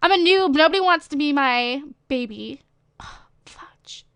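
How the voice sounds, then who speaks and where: A woman's voice: high voice, lively intonation, moderate pace, a bit bright, dry recording. A woman with a slight lisp casually commenting on a game, rambling and giggly, with lots of "like" and "um", recorded on a desktop microphone at home. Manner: giggly, rambling, playful trolling with frequent "like" and "um". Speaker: gaming video host. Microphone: desktop USB microphone.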